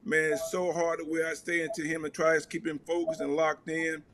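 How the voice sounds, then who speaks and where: Middle-aged male coach, earnest and repetitive, voice on the higher side. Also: brisk, noisy background. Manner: earnest, repeats words when excited. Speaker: coach and father of an athlete. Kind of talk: casual talk show chat.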